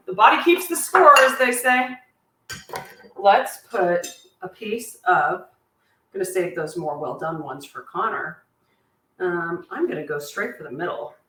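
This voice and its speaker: With a sore back troubling her, a slightly squeaky-voiced woman leads a live cooking class in her home kitchen, answering viewers in a chatty, warm way and poking fun at herself. Her voice comes from across an echoey room, with a light hiss or hum and dishes and cutlery clinking nearby.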